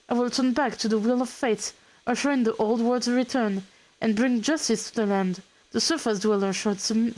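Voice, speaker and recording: A grandiose ancient schemer with a fondness for old-fashioned, lofty phrasing, as a woman reads him aloud. The voice sits a little high, unhurried and declaiming like a game villain. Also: darkish tone, close to an everyday voice, poor audio. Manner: pompous, archaic speech. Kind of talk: reading game dialogue aloud.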